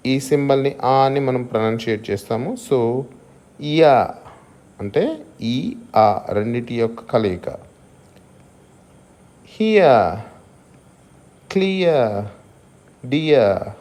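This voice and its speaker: A man teaching a recorded phonetics lesson, explaining sounds deliberately and repeating each example word several times. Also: medium pitch, animated, a little mellow. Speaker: English teacher.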